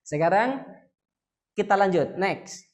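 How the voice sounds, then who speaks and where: A man teaching Quran reading, leading parents through syllable drills in a drawn-out sing-song chant and counting them in. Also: high-pitched, expressive. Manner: counts the group in and cheers them on.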